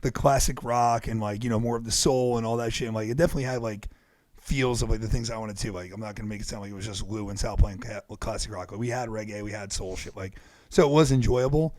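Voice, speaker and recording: A man's voice: fairly low pitch, fairly even intonation, quick pace, a little mellow, no echo. A man in his thirties chatting casually as a podcast co-host, blunt and profane, laughing often. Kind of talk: casual chat.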